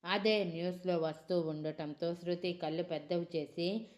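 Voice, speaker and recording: A woman narrating a romance story in a steady, scripted storytelling voice. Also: lowish voice, unhurried.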